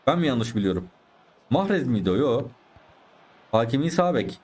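Very animated, with a darkish tone, medium pitch and moderate pace, a gaming YouTuber narrates his football video game live. He talks straight to his viewers and exclaims at each play.

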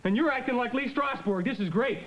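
A man's voice: very high-pitched, fairly quick, lo-fi sound, a little hiss or hum. An actor playing a frustrated man stranded on an island who keeps trying out disguises, in an agitated and exasperated soap-opera scene. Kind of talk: 1990s-2000s television soap acting.

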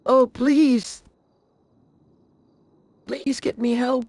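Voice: high-pitched, fairly even intonation, drawn-out words, a little mellow, no echo, full character voice. A young person faking an old voice to play a cranky, litigious elderly granny in an improvised game role-play, plaintive and fussy. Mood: plaintive, indignant.

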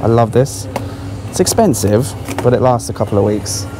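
A travel vlogger walks the large aisles of a supermarket, giving casual, offhand running commentary with frequent exclamations. His voice is mid-range at a moderate pace, with background noise audible.

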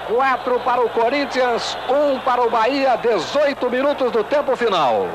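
A Brazilian man giving explosive live football goal commentary, shouting his calls with drawn-out words. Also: very high-pitched, lively intonation. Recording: noisy old TV broadcast, loud crowd. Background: roaring stadium crowd.

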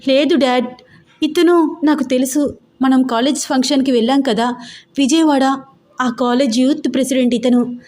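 A woman's voice: sits high, fairly even intonation, moderate pace, a little mellow, pitched above the performer's own voice, natural voice. A woman voicing a frightened young woman pleading tearfully with her father.

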